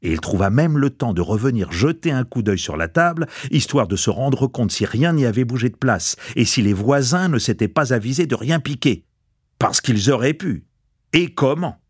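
A man reading a novel aloud as narrator, in an expressive, colloquial storytelling manner. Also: mid-range voice, normal speed, husky, no echo, clean studio sound.

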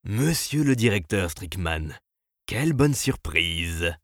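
A man voicing a menacing giant convict who speaks with slow, mocking calm. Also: low voice, dry recording, clean studio sound, exaggerated voice. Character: menacing giant male convict, smug and unhurried.

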